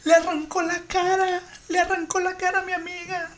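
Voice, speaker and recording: A man's voice: fairly high pitch, fast talker, bright, forceful tone. A man voicing a terrified woman pleading on an emergency call, crying and begging for help. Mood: frantic pleading. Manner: pleading, frantic, tearful.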